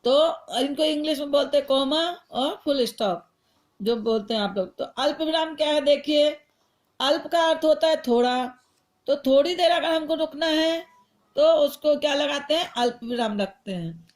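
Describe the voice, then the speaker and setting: A woman with a high voice teaches a simple grammar lesson to young pupils. She talks patiently and slows down to read out each example sentence.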